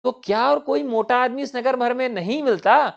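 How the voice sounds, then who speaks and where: A man's voice: very high-pitched, moderate pace, vocal fry, pitched above the performer's own voice. A man reading as a wailing, pleading young disciple. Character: poor frightened male disciple facing hanging. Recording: dull lo-fi recording.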